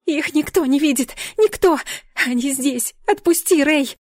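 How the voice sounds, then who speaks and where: A woman playing a frantic, shouting young sorceress. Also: high voice, measured pace, no room sound, clean studio sound, voice pushed up. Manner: breathless shouting.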